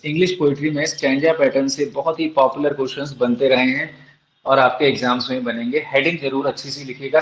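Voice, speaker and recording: A man's voice: a little high, a bit bright. A male teacher giving a classroom lecture. He asks the class questions and answers them himself, and spells terms out letter by letter. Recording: echoey room, dull lo-fi sound.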